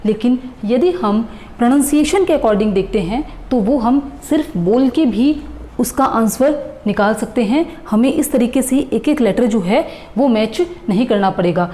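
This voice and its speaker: A woman's voice: on the high side, expressive, a little slow, mellow. A woman teaching a reasoning lesson, patiently explaining step by step and spelling out letters for her viewers.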